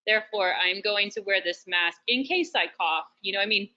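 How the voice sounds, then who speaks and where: Woman, bright voice, casual and rambling, lo-fi call audio. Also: medium pitch, moderate pace. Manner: casual, frequent fillers and restarts. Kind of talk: casual webinar chat. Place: shared roasting facility.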